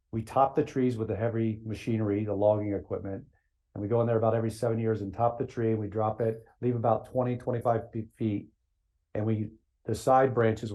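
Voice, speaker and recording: A man talking as a podcast guest, telling energetic stories and laughing often. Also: lowish voice. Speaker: floral greens sales executive guest. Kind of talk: casual podcast chat, storytelling.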